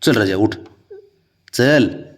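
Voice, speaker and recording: A man's voice: on the low side, very slow, echoey room. A man, talking to his cat at home in a casual, coaxing way. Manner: coaxing, sing-song talk to a pet. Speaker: cat owner filming his pet. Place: home, indoors at night.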